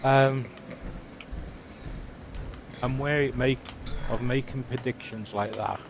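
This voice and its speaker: A man joining a game stream as a co-commentator, chatting casually and cracking dry, deadpan jokes. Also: medium pitch, slow, gravelly, slight background noise. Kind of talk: casual let's-play chat.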